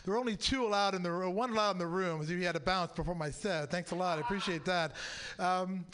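A man's voice: high voice, fast, a bit bright, slight background noise. A man from San Francisco doing a rambling, self-mocking stand-up set at a radio studio open mic, slipping into snooty put-on voices. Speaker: stand-up comedian.

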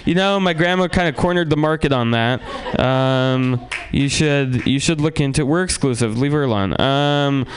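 Rambling, profane stand-up comic. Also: male voice, moderate pace, a little hiss or hum. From San Francisco, USA. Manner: rambling, profane, swings between loud outbursts and low mutters. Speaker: stand-up comedian. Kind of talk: stand-up comedy set.

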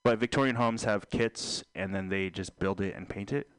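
Deadpan young man joking on a podcast. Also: on the low side, normal speed, clean tone, dry recording. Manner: deadpan, absurd joking with trailing fillers. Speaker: podcast host. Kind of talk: casual podcast banter.

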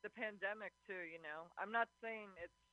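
A man's voice: high voice, normal speed, sharp tone, no room sound. A young man, a student correspondent, calling in to a radio show and chatting loosely with lots of fillers while his phone line keeps cutting in and out. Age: young adult. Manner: loose, thinking aloud with many fillers. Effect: phone line breaking up, cutting in and out. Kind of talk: casual call-in chat.

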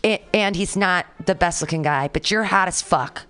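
A woman's voice: fairly low pitch, normal speed, a bit bright, clean tone. Frank, crude-joking woman in her forties. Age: 40s. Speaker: podcast co-host. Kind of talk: casual chat.

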